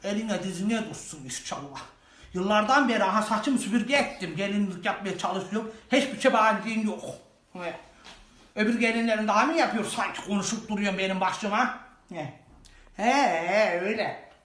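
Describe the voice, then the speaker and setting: A performer playing an overworked, sharp-tongued young bride in a comic sketch, fast and scolding. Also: mid-range voice, close to an everyday voice. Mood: indignant. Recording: roomy echo.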